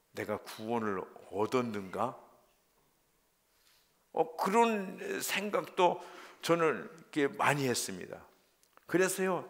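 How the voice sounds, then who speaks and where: Gravelly-voiced pastor pleading in sermon. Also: male voice, medium pitch. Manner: emotional, swings from loud pleas to hushed whispered prayers.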